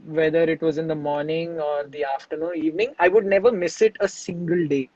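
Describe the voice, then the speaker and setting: Male singer, high voice, thoughtful and halting, dry close sound. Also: steady tone, a little mellow, no room sound, highs cut off. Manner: reflective, halting with frequent restarts. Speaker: singer and composer, interview guest. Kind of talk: relaxed interview conversation.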